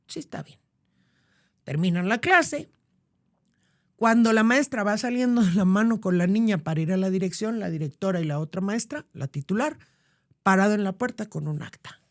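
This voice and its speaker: Middle-aged woman, podcast guest, animated storyteller who voices the people in her anecdote. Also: medium pitch, moderate pace. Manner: animated, acts out quoted voices. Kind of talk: casual conversational storytelling.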